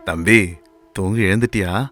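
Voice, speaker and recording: A man voicing a calm, kind village potter father who speaks in a slow, reassuring way. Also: sits low, soft background music, pitched below the performer's own voice. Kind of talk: storybook voice acting.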